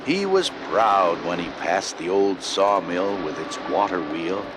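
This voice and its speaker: A man tells a children's story in a fairly low voice, taking it very slowly. His phrasing is deliberate and expressive, with lively rises and falls, over prominent music. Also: background noise. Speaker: storybook narrator. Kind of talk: scripted children's story narration. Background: loud music.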